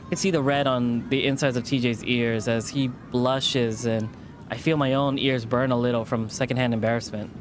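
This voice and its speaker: Against a noisy background, a man reads a visual novel aloud in a medium-pitched voice with a steady tone and moderate pace. He mixes in chatty asides, occasionally tripping over a word and going back to reread the line.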